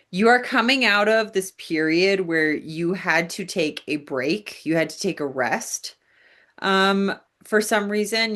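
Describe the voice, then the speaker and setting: A woman's voice: fairly low pitch, fairly bright tone. A woman giving a casual tarot reading, talking straight to the listener in a chatty way with lots of fillers. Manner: chatty, addresses the listener directly, many fillers. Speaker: tarot reader.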